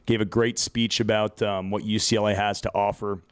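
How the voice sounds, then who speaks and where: A man's voice: lowish voice, flat delivery, brisk, clear, resonant tone, no echo. A young man hosting a casual sports podcast, rambling through stories, swearing casually and laughing mid-sentence. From USA. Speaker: podcast host.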